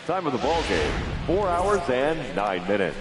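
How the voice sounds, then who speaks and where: A man voicing a stadium announcer in a video game, drawing out player names and positions over the ballpark loudspeaker. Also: mid-range voice, very animated. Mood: formal. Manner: drawn-out, sing-song announcing of names and positions. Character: formal adult male ballpark announcer. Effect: stadium loudspeaker announcement echoing through a ballpark. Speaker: stadium public-address announcer. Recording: echoey loudspeaker from far off, with music and crowd.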